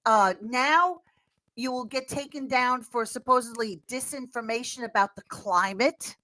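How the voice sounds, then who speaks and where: An American woman giving animated political chat as a podcast guest, fiery and sarcastic, mocking others in squealing voices. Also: on the high side, unhurried, rough recording. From United States. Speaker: podcast guest, social media commentator.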